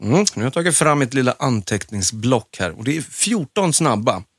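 A man with a Stockholm accent co-hosts a casual chat. His pitch swings freely around a middle register, and the recording is dry and close. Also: big pitch swings, slightly rough, no echo. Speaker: podcast co-host.

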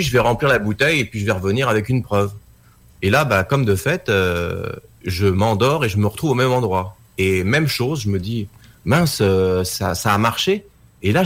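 A man, a guest telling a personal story in a casual talk, lively and full of fillers. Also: lowish voice. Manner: animated anecdote telling, with many fillers and acted quotes.

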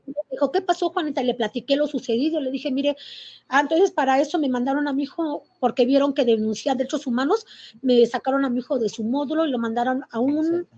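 A middle-aged Mexican woman telling her personal testimony in an interview, halting and emotional, with many fillers and restarts. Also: high voice, mellow. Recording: muffled lo-fi recording.

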